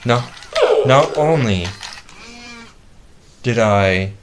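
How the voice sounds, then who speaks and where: A man giving a casual product demonstration as a reviewer, speaking haltingly and often repeating and restarting his phrases. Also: medium pitch, lively intonation. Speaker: toy reviewer. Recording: clearly noisy home-video recording.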